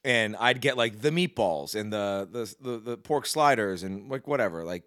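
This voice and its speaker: A man's voice: on the low side, expressive, normal speed, a bit bright. A middle-aged man co-hosting a casual talk show, crude and opinionated, swearing freely. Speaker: podcast co-host. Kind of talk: casual chat.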